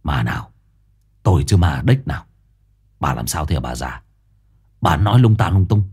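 A man's voice: high-pitched, sing-song, moderate pace, fairly bright tone, voice pushed up. A man voicing a rude grown son who scolds his mother curtly. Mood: gruff. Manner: curt, scolding.

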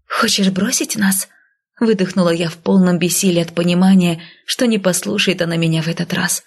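A woman narrating a first-person audiobook in an expressive, dramatic reading style. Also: fairly low pitch, quick pace.

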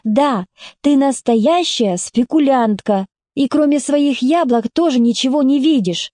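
A woman's voice: sits high, measured pace, dark tone, dry recording. A woman playing a stubborn, mocking young man. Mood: scornful. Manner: blunt and scornful. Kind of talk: audiobook character voice.

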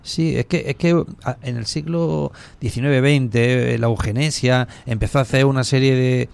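A man's voice: mid-range voice, steady tone, moderate pace, creaky, a little mellow, clean tone. A man with a Spanish accent, chatting as a guest on a radio talk show, hesitant with many restarts and fillers. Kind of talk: casual radio conversation.

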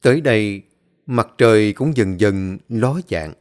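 A man reading a ghost story aloud in a steady, measured way. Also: fairly low pitch. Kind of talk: scripted ghost story narration.

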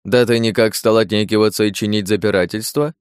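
A man's voice: fairly low pitch, fairly even intonation, a little fast, clean tone, no echo, clean studio sound, natural voice. A man voicing a sly, mocking demon disguised as a clerk, jeering and coaxing in an audiobook. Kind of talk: audiobook character voice.

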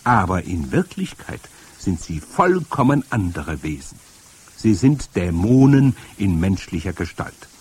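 A man reading aloud and voicing a stern old grandmother who explains things firmly, with a husky voice. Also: deep voice, very animated, a little mellow, exaggerated voice. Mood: stern, lecturing. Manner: firm, lecturing, drawn-out emphasis. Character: stern old grandmother, matter-of-fact storyteller. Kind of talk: audiobook reading.

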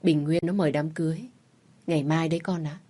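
Woman reading a homely, caring older mother in a storybook, low warm voice. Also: fairly even intonation, quick pace, slightly rough.

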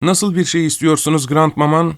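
A man's voice: a little high, steady tone, normal speed, no room sound, clean studio sound, pitched above the performer's own voice, lightly acted. A man reading an audiobook, voicing a young officer who speaks lightly and teasingly.

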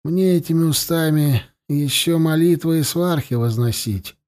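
A man's voice: on the high side, unhurried, darkish tone, natural voice. A man voicing a stern, cold, self-righteous male priest who acts as torturer. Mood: cold, contemptuous. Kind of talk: audiobook character voice.

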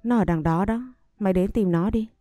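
A woman's voice: medium pitch, moderate pace, dark tone, no room sound, clean studio sound, faint music behind, lightly acted. A woman voicing a cruel, scheming woman who taunts with open contempt, in an audio story. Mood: sneering.

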